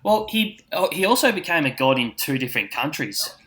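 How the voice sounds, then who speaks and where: Man, Australian accent, blokey tradesman slang, punchy bright voice, casual podcast banter. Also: a little high, very animated, fairly quick. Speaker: podcast co-host. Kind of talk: casual chat with mates.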